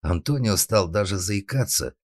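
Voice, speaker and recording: Low voiced guy reading a story aloud, wry even delivery, dead dry sound. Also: normal speed, no room sound. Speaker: narrator. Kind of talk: audiobook narration.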